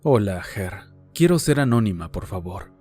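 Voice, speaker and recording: A man reading submitted horror stories aloud in a measured, hushed storytelling manner. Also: lowish voice, big pitch swings. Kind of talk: scripted horror narration. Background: faint background music.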